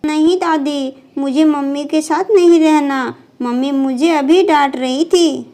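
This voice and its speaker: A woman's voice: sits high, measured pace, dark tone. A woman voicing a small, stubborn and playful little girl in a doll storybook, eager and pleading.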